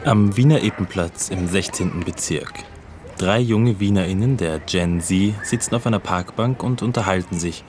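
Deep-voiced man narrating a radio feature. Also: noisy background. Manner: measured, informative. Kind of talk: scripted narration.

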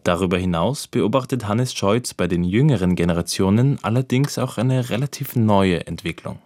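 A man narrating a radio feature from a script in a measured, informative way. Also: fairly low pitch, a little mellow, dry recording, studio quality.

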